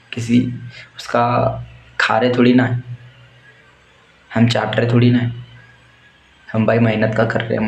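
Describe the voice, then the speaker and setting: A young man gives blunt, crude, fired-up life advice in a casual motivational monologue. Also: on the low side. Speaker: warehouse worker giving life advice. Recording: roomy echo, faint background noise.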